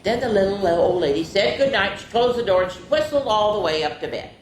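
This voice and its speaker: A woman with a medium-pitched, animated voice reads picture books to young children during a storytime. She speaks slowly and deliberately, adding friendly asides, while the room echoes and faint noise lingers in the background.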